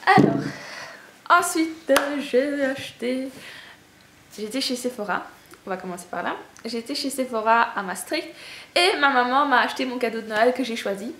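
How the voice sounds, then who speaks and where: A woman's voice: fairly high pitch, animated, moderate pace, fairly bright tone. A young woman with a Belgian French accent, chatting in a casual haul video, gushing and self-mocking with lots of fillers. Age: young adult. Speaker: beauty vlogger. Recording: echoey room with faint ambient noise.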